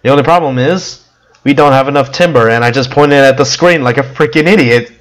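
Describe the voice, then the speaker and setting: A man giving casual gameplay commentary with a hoarse, worn voice, coughing now and then and rambling with many fillers. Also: medium pitch, a little fast, rough recording. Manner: rambling, with frequent ums and restarts. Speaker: gameplay video creator.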